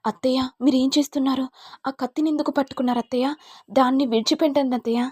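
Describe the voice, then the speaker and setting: A woman's voice: a little high, normal speed, dark tone, no room sound, clean studio sound, natural voice. A woman voicing a scheming young woman with a mocking way of talking. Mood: frightened.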